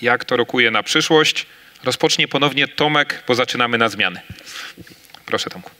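A man's voice: medium pitch, normal speed, pushed and bright. A man moderating a staged debate on a large conference stage, announcing rounds and handing the floor to speakers with a handheld mic.

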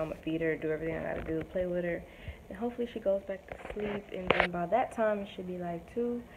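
In a small room at home, a young woman vlogs casually into a phone or webcam held at arm's length, rambling with lots of ums. Her voice is on the low side and fading from a sore throat, and there's background noise.

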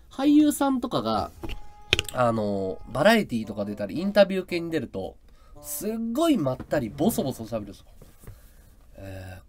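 A male live streamer in casual chat, with a high, carrying voice, explaining his audio setup. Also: mellow. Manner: chatty, explains his audio gear and voice tricks. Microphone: desk mic through an audio interface and mixer.

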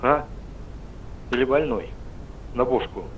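An older man answering a phone call, heard over the phone line, curt, gruff and insulting. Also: medium pitch, takes it slowly. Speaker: prank call recipient. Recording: tinny phone line with faint hiss.

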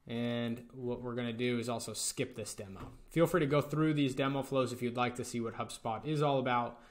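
Relaxed man walking through a tutorial. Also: mid-range voice. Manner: relaxed step-by-step walkthrough. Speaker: tutorial presenter. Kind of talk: screen-recorded software tutorial.

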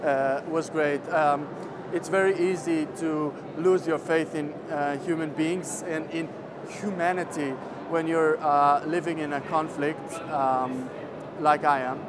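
A young activist from Israel giving a slow, hesitant interview answer with many fillers. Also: male voice, fairly high pitch, fairly even intonation, background noise. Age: young adult.

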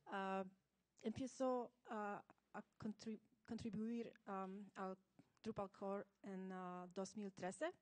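A woman speaks at a slow pace. She is halting and searches for words as she introduces herself. The sound is dry and close. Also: mid-range voice, fairly even intonation, darkish tone, no room sound. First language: not Spanish. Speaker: conference attendee, developer. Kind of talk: hesitant self-introduction in halting Spanish.

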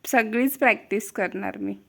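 A woman's voice: mid-range voice, moderate pace, gravelly, sharp tone. A young woman chatting casually in a family vlog, teasing and laughing often. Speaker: vlogger, mother.

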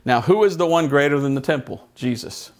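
A man's voice: fairly high pitch, brisk. A man preaching a Bible study in church, telling stories in a chatty way and putting questions to the congregation. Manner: conversational storytelling, asks the congregation questions.

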